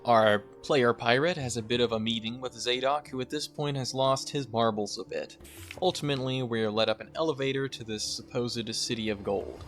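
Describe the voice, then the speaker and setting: A man's voice: mid-range voice, moderate pace, a bit bright. A young man giving a scripted but conversational narration as a video game essayist. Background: music.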